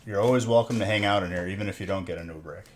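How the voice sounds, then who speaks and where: His voice is deep and he races along, with a bit of hiss or hum underneath. The man, in his thirties, is live streaming card pack openings and jokingly ribbing his chat.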